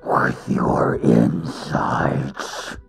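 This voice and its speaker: A man voicing a creepy, taunting male killer clown with a slow, creaky, menacing delivery, heard as if through a door. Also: very deep voice, soft background music, pitched below the performer's own voice, exaggerated voice. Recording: sounds distant, through a door.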